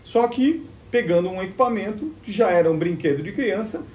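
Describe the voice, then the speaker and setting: Demonstrating vintage gadgets for his show, a Brazilian Portuguese-accented man explains things informally, posing questions to himself and then answering. His voice sits high and is animated, fairly quick, a little mellow and slightly rough. The sound quality is lo-fi.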